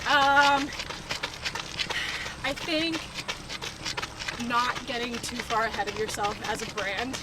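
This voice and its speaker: Woman w a high voice talking while running, casual interview, lots of likes, really loud outdoor noise. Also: slow, pauses often. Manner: casual, frequent filler "like". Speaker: interview guest, marketing professional. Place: outdoors, on the move. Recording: noisy outdoor recording, ambient vehicle sounds.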